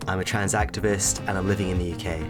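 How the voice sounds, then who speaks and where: Easygoing podcast host. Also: male voice, sits low, quick pace, music in the background. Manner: relaxed, easygoing, encouraging. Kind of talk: casual chat.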